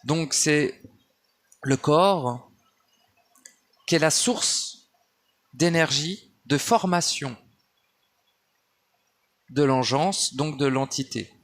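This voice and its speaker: A man's voice: a little high, very slow, long pauses, a bit bright. Rambling man musing on spirituality. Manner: digressive, many restarts and fillers, addresses listener as tu. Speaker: spiritual speaker. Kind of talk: rambling spoken monologue. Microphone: handheld phone or basic mic.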